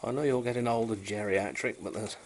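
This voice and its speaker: A British hobbyist repairer and presenter talks casually through a repair, unscripted, rambling along with wry understatement. His voice is on the low side and steady, and he speaks briskly. The sound comes from a noisy amateur camera recording.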